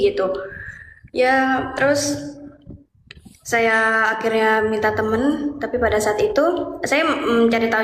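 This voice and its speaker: A young woman, earnestly telling her personal story in casual conversation, with many fillers. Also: fairly high pitch. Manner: earnest, recounting with frequent fillers. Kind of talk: casual testimony. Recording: echoey room with faint noise.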